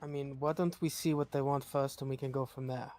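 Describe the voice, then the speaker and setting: A man's voice: medium pitch, fairly even intonation, a little fast, darkish tone. A man playing a tabletop game, talking reassuringly and reasoning through plans with the group. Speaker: player. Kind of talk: casual in-character game talk.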